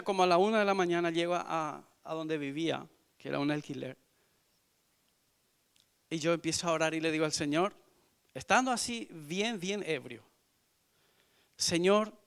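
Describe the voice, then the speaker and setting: A man in his forties, a visiting missionary, giving an earnest sermon testimony in church, moving from hushed to loud. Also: on the high side, creaky, smooth. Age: 40s.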